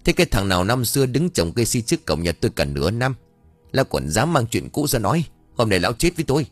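A man's voice: very animated, fast talker, dry recording, soft background music. A man doing a fiery scolding village wife. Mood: furious. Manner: shrill, scolding.

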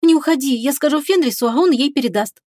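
A woman's voice: high-pitched, brisk, mellow, no echo, clean studio sound, pitched above the performer's own voice. A woman voicing a frightened, tearful young girl who pleads and blames herself.

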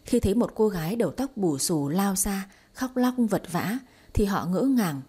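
A woman narrates a romance story in a steady, even storytelling manner. Her voice is mellow and dark with a husky edge. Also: mid-range voice, normal speed.

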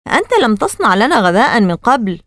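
A woman voicing a worried young girl who speaks earnestly and tensely, trying to stay calm. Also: on the high side, fast talker, no echo, clean studio sound.

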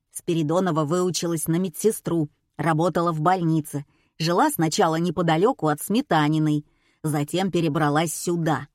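A woman voicing a brisk male investigator who gives orders and lays out facts, in an audiobook. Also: sits low, no echo, studio quality, lightly acted. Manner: commanding, matter-of-fact. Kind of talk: audiobook character voice.

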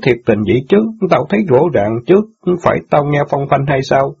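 A heartbroken street newspaper boy full of grievances, voiced by a man in an audiobook drama. His voice is dark, husky and gravelly, with bitter outbursts. The recording is dull and lo-fi. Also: mid-range voice, a little fast. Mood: aggrieved.

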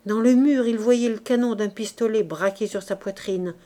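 A woman reading a classic novel aloud as audiobook narration, with an expressive, dramatic delivery. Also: on the high side, normal speed. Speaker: audiobook reader.

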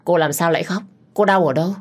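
A woman's voice: lowish voice, quick pace, darkish tone, lightly acted. A woman voicing a caring, protective young man who asks urgent, tender questions in a story reading. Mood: concerned.

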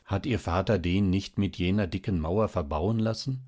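A man voicing an earnest, mysterious young man who speaks softly and persuasively, in an audiobook reading. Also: deep voice, normal speed. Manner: soft, pleading, then serious.

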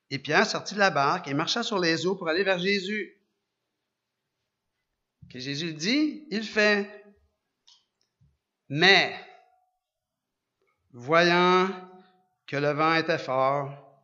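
A man with a Quebec French accent preaching a sermon, animated, asking rhetorical questions and often restarting his sentences. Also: on the high side. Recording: dull lo-fi recording.

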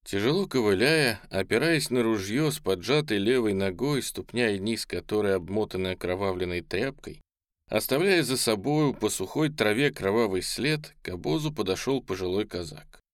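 A man narrating a novel as an audiobook, expressive storytelling. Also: lowish voice, moderate pace, dry recording, studio quality.

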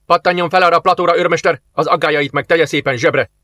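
Brisk, stern officer, read by a man, dry studio sound. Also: medium pitch, sharp tone, dry recording, lightly acted. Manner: brisk, commanding. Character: stern commanding male first officer.

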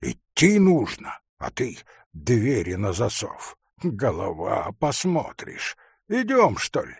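A man's voice: on the low side, huge pitch swings, takes it slowly, vocal fry, husky, no room sound, clean studio sound, exaggerated voice. A man voicing a bold, impatient young male hunter who speaks urgently and gives orders. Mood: urging. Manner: urgent, commanding, shouting.

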